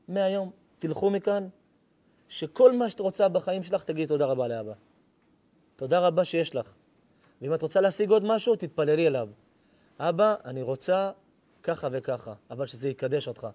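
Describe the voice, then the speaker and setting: A man in his forties, a rabbi preaching an emotional sermon, swinging from quiet confession to pleading cries. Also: fairly high pitch. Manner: impassioned, rising to pleading cries.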